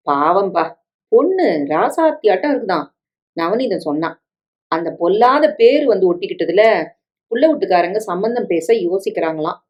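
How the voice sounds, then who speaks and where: A woman's voice: medium pitch, natural voice. A woman voicing a scheming middle-aged stepmother who coaxes, pleads and guilt-trips, in a story reading with dialogue. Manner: coaxing, pleading, guilt-tripping.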